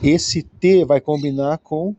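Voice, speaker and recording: A man's voice: on the high side, slow pace, mellow, muffled recording. A Brazilian man giving a patient, explanatory lesson, often checking in with his listeners. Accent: Brazilian Portuguese. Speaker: Greek teacher.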